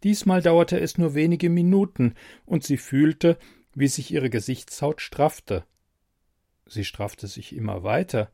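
A man narrating a story in a calm audiobook reading. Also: a little high, takes it slowly, gravelly, no room sound, studio quality.

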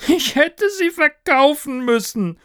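A man's voice: sits high, very animated, moderate pace, creaky, dry recording, studio quality, pitched above the performer's own voice, exaggerated voice. A man voicing the fretful, self-pitying ghost of a dead product manager, nagging in a raised voice. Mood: wailing.

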